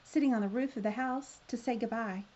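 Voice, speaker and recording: A woman's voice: a little high, a little fast, mellow, muffled recording, lightly acted. A woman reading the part of a clever young boy in a storybook, a reassuring big brother. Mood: innocent, evasive.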